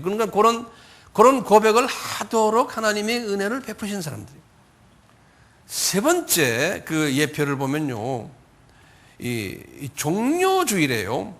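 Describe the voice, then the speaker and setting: A man's voice: fairly high pitch, fairly bright tone. A man preaching a Sunday sermon, speaking conversationally. He repeats and corrects himself often and raises his voice when acting out quoted pleas. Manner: frequent repetitions and self-corrections. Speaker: pastor.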